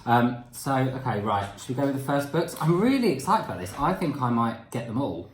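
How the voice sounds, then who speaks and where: A man's voice: mid-range voice, sing-song, brisk, a little hiss or hum. A man hosting a book channel, chatting casually to camera, teasing his partner and laughing often. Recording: echoey room.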